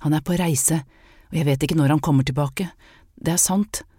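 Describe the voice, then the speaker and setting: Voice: mid-range voice, mellow, breathy edge, no echo, clean studio sound, natural voice. A narrator voicing an anxious young woman who urgently pleads with a visitor to leave. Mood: pleading.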